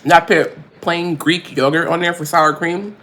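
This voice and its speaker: A woman's voice: lowish voice, fairly even intonation, measured pace, a bit bright, slight background noise. A woman vlogging in a loose, informal way, talking straight to her viewers from her home kitchen. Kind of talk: casual how-to vlog chat.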